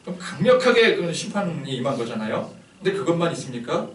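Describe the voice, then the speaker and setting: Male pastor, casual chatty sermon, lively pitch, roomy hall, mic at a distance. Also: fast talker, a little hiss or hum. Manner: animated and conversational, with many fillers.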